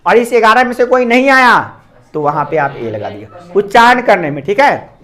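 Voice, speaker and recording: A man's voice: high-pitched, big pitch swings, moderate pace, bright, forceful tone. A man teaching grammar to a classroom of students. He explains patiently and goes over each point more than once. He stops often to ask whether the class has understood.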